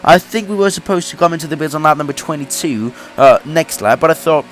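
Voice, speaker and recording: A young gaming YouTuber, who says he is sick and sounds a little off, talks fast with lively intonation in a fairly high voice. Soft music plays behind the rough recording as he chats through a career race in a racing game, laughing often and restarting sentences.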